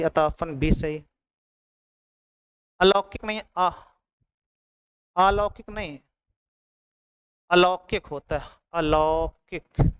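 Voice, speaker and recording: Clear-voiced male coaching teacher. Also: sits high, dry recording, rough recording. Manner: repeats words and checks in often with students. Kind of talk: exam coaching lesson.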